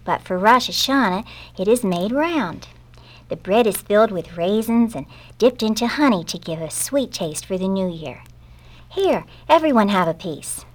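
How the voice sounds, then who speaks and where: A woman reads a children's story aloud in an expressive, gentle voice. Her voice sits at a middle pitch. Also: moderate pace.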